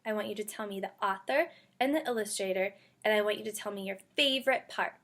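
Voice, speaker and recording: With a fairly bright, medium-pitched voice, a woman acts as an elementary school teacher for young children. Her phonics read-aloud uses questions and repetition, and she sounds words out slowly and carefully, stretching them out.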